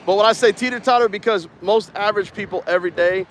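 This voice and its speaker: A blunt, joking man in his fifties from Southern California hosts a casual livestream, talking fast in a high register. Faint outdoor traffic hums behind him. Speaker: host.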